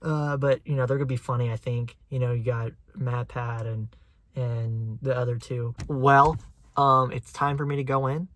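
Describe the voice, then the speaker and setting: A man's voice: mid-range voice, normal speed. Young male vlogger, mid-range voice, eager rambling fan chatter. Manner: excited, rambling fan talk. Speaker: channel host. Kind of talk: casual chat.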